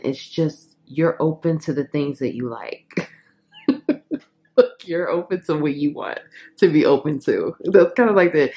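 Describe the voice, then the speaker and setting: A woman with a low voice talks through a tarot reading in a loose, candid way, full of fillers and frequent laughter. Her delivery is frank and conversational. The recording sounds dull and lo-fi. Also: darkish tone. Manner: chatty, laughs often, frank, filler-heavy. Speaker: tarot reader. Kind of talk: casual tarot reading to camera.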